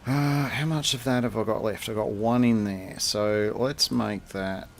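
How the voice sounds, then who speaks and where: A low-voiced Australian man with a gravelly, creaky edge drawls his way through casual game commentary. He rambles and thinks aloud at an unhurried pace. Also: fairly even intonation, a little hiss or hum. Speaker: game streamer.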